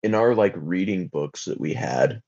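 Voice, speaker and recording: A man with a low, gravelly voice chats loosely on a podcast, with fillers as he goes. His phone mic makes everything dull and muffled, as if he were down a well. Breathy huskiness runs under his words. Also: animated, moderate pace, a little mellow. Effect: muffled phone-mic sound, like from the bottom of a well. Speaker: podcast co-host. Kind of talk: casual podcast chat.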